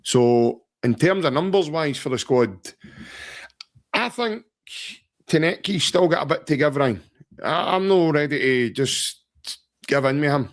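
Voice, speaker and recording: Slightly high and expressive, this Scottish man's voice keeps a measured pace as he co-hosts a football podcast. The talk is loose and jokey, wandering off on tangents, with plenty of "mate" and "aye."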